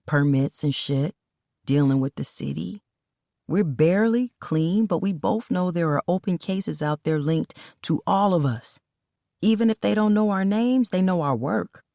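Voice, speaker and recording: A woman's voice: fairly low pitch, animated, moderate pace, warm tone, no room sound. A woman voicing a wary, streetwise young man with a dry, sarcastic way of talking, in a storybook reading.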